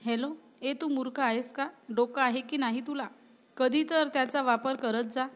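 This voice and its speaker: Woman voicing a gruff teasing college guy. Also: high voice, steady tone, normal speed, close to an everyday voice. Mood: scolding. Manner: scolding, blunt, secretly caring. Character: gruff teasing young male college student.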